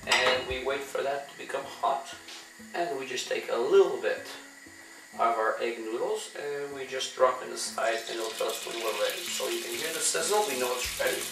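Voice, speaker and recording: Hoarse and losing his voice after a cold, a man hosts a home cooking show from a gas stove in his kitchen, talking through each step in a relaxed way with plenty of fillers. His voice sits mid-range at a moderate pace. The kitchen echoes, the mic is at a distance, and music plays.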